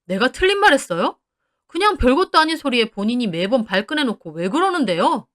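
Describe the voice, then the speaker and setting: A woman's voice: high voice, big pitch swings, brisk, fairly bright tone. A woman voicing a rude, sneering young brother-in-law in a storybook drama. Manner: sneering, combative.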